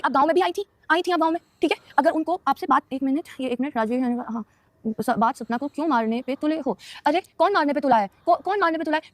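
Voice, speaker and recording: A young woman with a high-pitched voice answers viewer questions on a casual live stream, recorded with no room sound. She speaks quickly to her audience, emotional and on the defensive.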